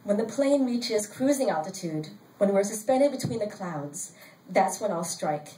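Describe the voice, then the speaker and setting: An older woman reading her own story aloud at a live event, in a wry, deadpan storytelling manner. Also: medium pitch, measured pace, distant mic. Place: bar event space, indoors. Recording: roomy sound from off-mic, faint crowd noise.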